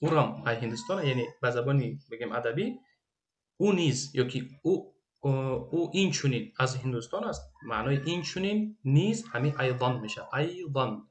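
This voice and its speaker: Tajik-accented male Arabic teacher, patient, repeats and translates each phrase, mid-pitched voice. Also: lively intonation, a little hiss or hum. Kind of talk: recorded Arabic grammar lesson.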